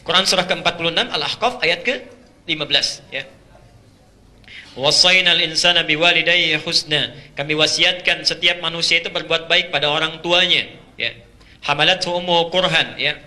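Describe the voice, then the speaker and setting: A man preaching a sermon, swinging from loud emphatic calls to hushed storytelling and slowly chanting scripture verses. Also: a little high.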